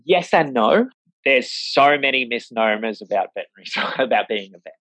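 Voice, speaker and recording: A man's voice: mid-range voice, lively intonation, moderate pace, fairly bright tone, no echo. A man who works as a vet, chatting casually in an interview with a rambling, filler-heavy manner and acting out the voices he quotes. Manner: acts out voices when quoting. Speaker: veterinarian, interview guest. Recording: slightly dull, dry lo-fi recording.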